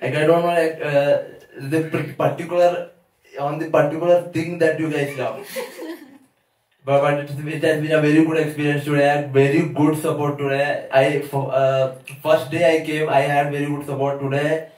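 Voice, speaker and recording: Nervous high-voiced Malayali man on stage. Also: flat delivery, moderate pace, darkish tone. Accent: Malayali (Kerala) Indian English. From Kerala, India. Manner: nervous, rambling, repeats words and phrases. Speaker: amateur stand-up comedian. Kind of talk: halting open-mic stand-up storytelling. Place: live open-mic venue, small audience. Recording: echoey room, far from mic.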